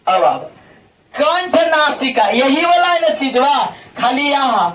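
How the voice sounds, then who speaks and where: High-voiced male teacher. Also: big pitch swings, slow, a bit bright. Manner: repetitive drilling with rhetorical questions. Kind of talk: online class lecture. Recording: distant mic with faint background noise.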